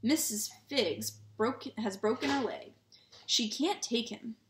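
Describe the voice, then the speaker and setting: Gruff bully uncle, read by a woman, stern storybook voice, echoey room. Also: a little high, slow, slight background noise. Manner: stern, threatening. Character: blustering middle-aged uncle, gruff bully. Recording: roomy echo.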